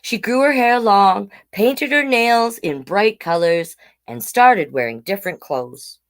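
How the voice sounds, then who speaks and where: Reading a picture book aloud to little ones, the host speaks in a mid-range, animated voice, a little slowly. She breaks in with simple, chatty asides and uses tag questions to explain things to the children.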